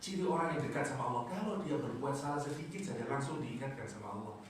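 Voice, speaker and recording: A man's voice: mid-range voice, expressive, fast talker, slight background noise. A man giving a conversational religious lecture on the Quran, often asking his audience questions. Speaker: Islamic teacher giving Quran commentary. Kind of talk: sermon-style lecture. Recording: echoey hall from far off.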